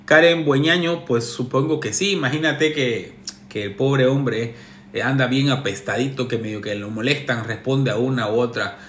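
A man's voice: mid-range voice, normal speed, fairly bright tone, roomy sound, a little hiss or hum. A relationship coach, a man, reads viewer messages and answers them with sarcastic, teasing advice in a casual monologue.

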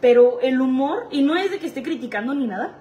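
A woman's voice: high-pitched, expressive, fast talker, dark tone. A young woman with a Mexican Spanish accent telling casual stories about her past jobs, chatty and full of slang and laughing asides. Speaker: vlogger. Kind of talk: casual storytelling.

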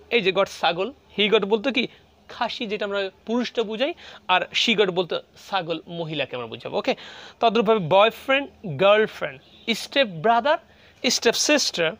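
A man's voice: high-pitched, vocal fry, a bit bright. A man with a Bengali accent teaching English grammar, explaining patiently and repeating example words aloud. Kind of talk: classroom lecture. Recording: muffled lo-fi recording.

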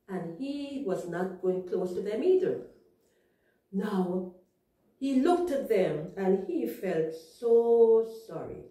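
A woman tells a Bible story to young children at an unhurried pace. She explains in simple words and keeps asking her listeners questions, with a mellow tone. Her voice sounds distant and echoes off the room. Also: fairly high pitch. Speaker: Sabbath school teacher. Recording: echoey room, far from mic.

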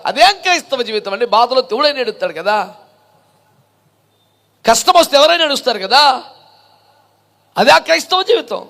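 A man's voice: very high-pitched, expressive, fairly quick, pauses often, sharp tone. A man preaching a sermon as a pastor, impassioned and rhetorical, firing off repeated questions.

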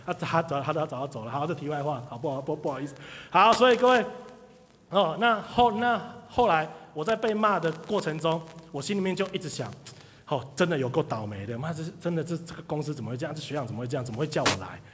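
A fast-talking man with a slightly high voice shares his career story in a live motivational talk to an audience in a hall. He is an animated storyteller who acts out the people he quotes, and the hall makes the recording reverberant.

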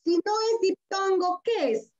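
This Peruvian woman's voice is extremely high-pitched yet darkish in tone, animated and unhurried, with a Peruvian Spanish accent. In an online primary class she patiently and affectionately coaxes answers with questions and repeats key words, heard through dull, lo-fi video call audio.

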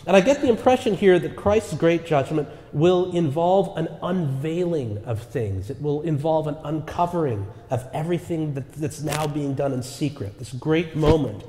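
A man with a fairly high, mellow voice preaches a sermon earnestly in a church sanctuary, speaking at normal speed with few pauses and lively intonation. He keeps checking in with the congregation through rhetorical "right?" asides. The church sounds echoey with long reverb, and there is slight background noise.

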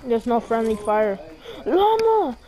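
A woman's voice: fairly high pitch, fairly quick. A woman chatting casually with a teammate during gameplay, slangy and calling out warnings. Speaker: gamer playing as teammate. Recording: very noisy game audio with gunfire. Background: loud video game gunfire and clicks.

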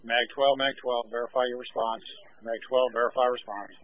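A man's voice: medium pitch, flat delivery, moderate pace. A man working as a fire dispatcher, reading out units and addresses in terse, formulaic radio updates over a two-way radio. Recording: tinny narrowband dispatch scanner radio.

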